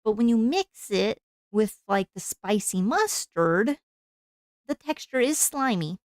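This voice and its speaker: A woman's voice: fairly high pitch, lively intonation, takes it slowly, no room sound, clean studio sound. A woman streamer chatting casually while she draws, rambling along with lots of fillers and frequent laughter.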